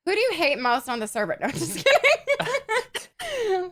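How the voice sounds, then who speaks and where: A woman's voice: extremely high pitch, huge pitch swings, unhurried, a bit bright. A young woman hosting a casual podcast chat, giggly and gushing, with lots of "like". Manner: giggly and gushing, says "like" often. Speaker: podcast host.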